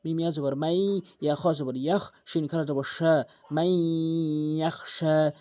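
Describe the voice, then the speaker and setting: A man with a slightly high but mellow, dark-toned voice teaches Quran recitation step by step. He keeps repeating himself and pausing on fillers. When he sounds out the letters and syllables, he drags them out in a slow chant. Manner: patient, repeats points and urges attention, with frequent hesitation fillers. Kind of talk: tajweed lesson with spelled-out examples.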